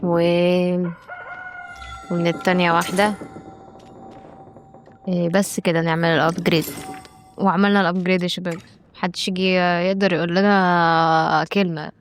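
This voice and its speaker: A woman's voice: lowish voice, level tone, moderate pace, long pauses, soft background music. A woman with an Egyptian accent giving casual let's-play commentary, chatty and exclaiming, bantering with game characters. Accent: Egyptian Arabic. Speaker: gaming YouTuber.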